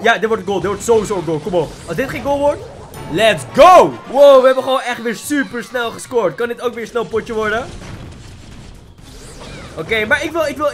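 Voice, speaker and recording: A man giving excitable gameplay commentary, often exclaiming and throwing in English slang. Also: extremely high pitch. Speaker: gaming youtuber.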